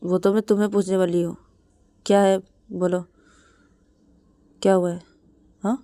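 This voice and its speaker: A woman's voice: mid-range voice, level tone, moderate pace, warm tone, dry recording, lightly acted. A woman voicing a young woman who presses insistently with questions. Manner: probing, insistent. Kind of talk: storybook role-play.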